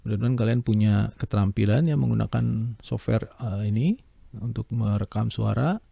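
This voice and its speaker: A man lecturing on how to read a script aloud, explaining each element and pausing to demonstrate it with his voice. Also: creaky, warm tone, no room sound. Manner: demonstrates pitch, pace and voice color by example. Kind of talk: lecture on script reading, with vocal demos.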